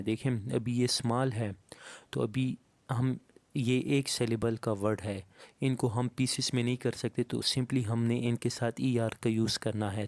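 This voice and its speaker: Slow, deliberate male teacher. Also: mid-range voice, darkish tone, dry recording. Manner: slow and repetitive, reads English examples aloud very slowly. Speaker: English grammar teacher. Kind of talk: explaining a lesson to students.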